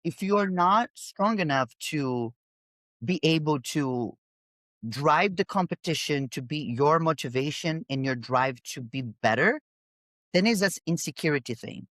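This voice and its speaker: A woman's voice: deep voice, measured pace, no room sound. Emphatic woman host, very dry sound. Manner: emphatic, animated, restarts mid-sentence. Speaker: podcast host and bodybuilding coach. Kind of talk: casual podcast conversation.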